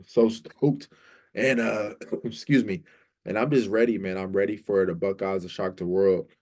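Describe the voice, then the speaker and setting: A man hosting a sports fan vlog, talking in a rambling, excitable way and often saying "man" and "like". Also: deep voice, unhurried. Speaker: sports fan channel host. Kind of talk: casual fan commentary vlog.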